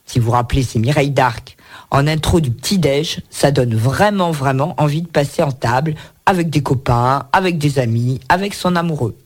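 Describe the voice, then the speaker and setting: With a slightly rough voice on the high side, a man reviews a cookbook for his radio book segment. He keeps it chatty and tosses in playful asides.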